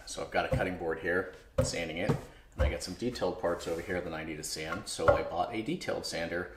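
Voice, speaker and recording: A man's voice: low voice, fairly even intonation, quick pace. A man in his forties hosting a casual tool review vlog, thinking aloud with many fillers, recorded in his home garage workshop on a camera mic. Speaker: woodworking channel host. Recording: echoey garage with loud background noise.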